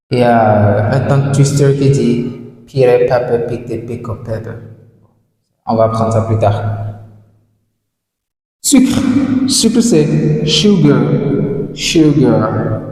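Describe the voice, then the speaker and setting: A man with a West African French accent teaching English vocabulary, repeating each word slowly and carefully. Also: mid-range voice, dark tone. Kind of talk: slow vocabulary lesson. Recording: very echoey room with long reverb.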